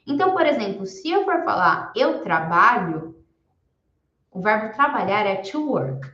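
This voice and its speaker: A woman teaching a recorded beginner class, explaining patiently and slowing down to spell out each example word. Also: medium pitch, sing-song, fairly bright tone. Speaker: English teacher. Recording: echoey room, dull lo-fi sound.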